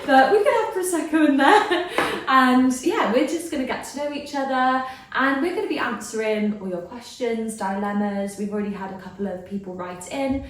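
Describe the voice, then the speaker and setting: Female podcast host, higher voice, chatty and casual, caught off-mic in a strongly reverberant room. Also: moderate pace, hardly any pauses. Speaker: podcast host, bridal stylist. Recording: echoey room, distant from mic.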